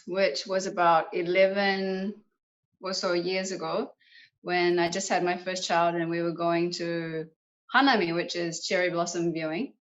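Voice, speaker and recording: A woman's voice: fairly low pitch, steady tone, measured pace, dull audio. A woman with a New Zealand accent, a martial arts guest, telling her story in a casual, enthusiastic interview chat over a video call. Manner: chatty and enthusiastic, with frequent fillers. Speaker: guest, kyudo practitioner.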